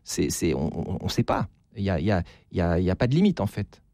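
A man's voice: deep voice, big pitch swings, fast, creaky, dark tone, no room sound, clean studio sound. A man being interviewed as an author, speaking hesitantly with many restarts and repeated words. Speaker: author, guest. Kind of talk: interview conversation.

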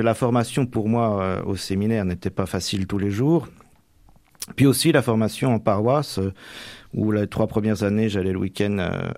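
A man's voice: fairly low pitch, a little mellow, dry recording. Hesitant young man from Normandy. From Normandy, France. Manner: hesitant, many fillers and restarts. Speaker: seminarian about to be ordained priest. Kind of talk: radio interview.

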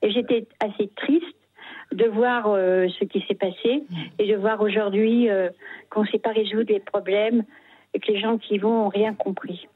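Older french lady calling a radio show, hesitant, lots of restarts, husky, phone-line sound. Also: medium pitch, fairly even intonation, dry recording. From France. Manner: hesitant, halting, many restarts. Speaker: radio caller. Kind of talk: phone-in testimony. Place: her home. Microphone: telephone.

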